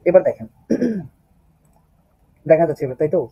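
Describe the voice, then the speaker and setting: A man's voice: a little high, lively intonation, moderate pace, creaky, husky, no room sound. A man teaching German in an online class. He spells out the alphabet patiently and repeats each sound several times. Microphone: laptop mic on a video call. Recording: dull lo-fi video call audio.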